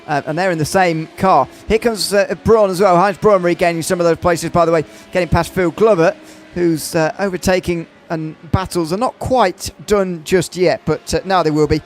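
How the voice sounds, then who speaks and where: A man's voice: high-pitched, steady tone, moderate pace, hardly any pauses, soft background music. A man commentating on a motor race, hesitant with many fillers and restarts.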